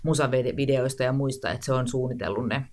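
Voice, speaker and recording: A woman's voice: a bass voice, darkish tone. Chatty guest, woman in her forties, casual interview talk, many fillers and false starts. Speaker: guest, screenwriter and director.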